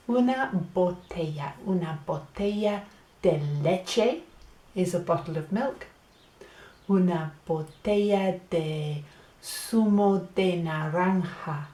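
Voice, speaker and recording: Slow, patient woman teacher, echoey room. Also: on the low side, darkish tone. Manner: slow, clear, patient explaining with words repeated. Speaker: language teacher. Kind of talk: beginner language lesson.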